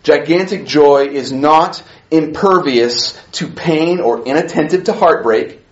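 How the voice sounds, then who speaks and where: A man preaching a sermon as pastor, passionate, swinging between soft asides and rising emphasis. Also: on the high side, measured pace, reverberant, dull audio.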